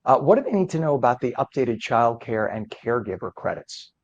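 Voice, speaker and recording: A hoarse man with a croaky frog voice, hosting live news in a chatty, halting way and interviewing a guest. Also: mid-range voice, big pitch swings, dull audio. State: hoarse, struggling with voice. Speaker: news host.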